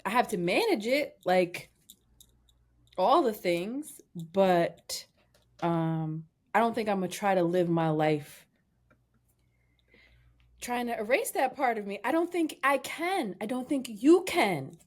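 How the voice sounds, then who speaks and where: A woman's voice: medium pitch, lively intonation, takes it slowly, long pauses, a little mellow. A woman in her thirties co-hosting a podcast over a call, talking candidly and mocking herself with frequent laughs. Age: 30s. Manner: candid, self-deprecating, laughs often. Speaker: podcast co-host. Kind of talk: casual chat. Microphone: remote call.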